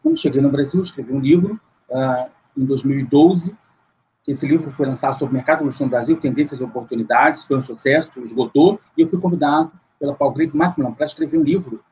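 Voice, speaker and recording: A man's voice: mid-range voice, mellow, slightly rough, low-quality recording. A middle-aged man from Rio de Janeiro, a guest on a video call, telling his story at length with many fillers and restarts. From Rio de Janeiro, Brazil. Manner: long rambling account with many fillers and restarts. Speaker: guest, luxury market CEO. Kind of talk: interview over video call.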